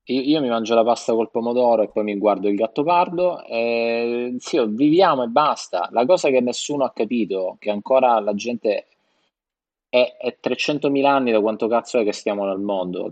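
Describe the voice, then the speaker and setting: A man's voice: medium pitch, moderate pace, darkish tone, no room sound, muffled recording. A man with a Sicilian accent, co-hosting a podcast in slangy, profane, joking casual chat. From Sicily, Italy. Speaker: podcast co-host.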